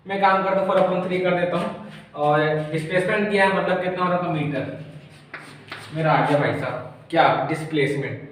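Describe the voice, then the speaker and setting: Recorded on a distant mic in an echoey room with faint background noise, this male physics tutor speaks at a moderate pace in a voice that sits high. He keeps his exam-prep lesson informal and chatty, posing questions and answering them himself, and familiarly calls the viewer "brother."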